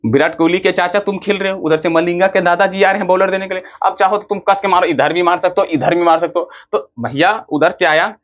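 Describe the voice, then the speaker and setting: A man's voice: high voice, fairly even intonation, brisk, few pauses, fairly bright tone. A man teaching a physics lesson in a rustic, joking way, asking questions and answering them himself. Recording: dull lo-fi recording.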